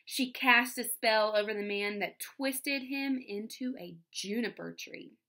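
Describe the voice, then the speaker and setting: A woman's voice: fairly high pitch, unhurried, pushed and bright. A woman teacher reading a fairy tale aloud to young children, stopping to explain words and ask the class questions. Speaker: first-grade teacher.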